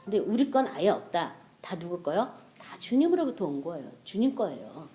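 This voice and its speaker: A woman's voice: lowish voice, big pitch swings, moderate pace, warm tone, soft background music. A middle-aged woman preaching a sermon, telling stories with rhetorical questions and bursts of laughter.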